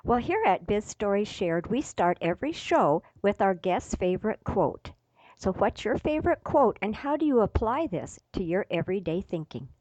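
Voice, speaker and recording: A woman's voice: mid-range voice, sing-song, normal speed, darkish tone, no echo. Upbeat woman host, dry lo-fi sound. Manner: upbeat, enthusiastic introductions. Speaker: podcast host. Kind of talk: interview hosting.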